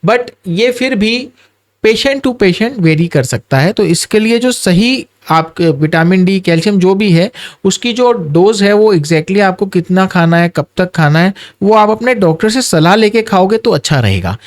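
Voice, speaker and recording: An orthopedic surgeon speaks in a measured, advising way, with a voice set a little high for a man. He drops into his explanations as an interview guest. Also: animated. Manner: measured, advising, mixes English phrases.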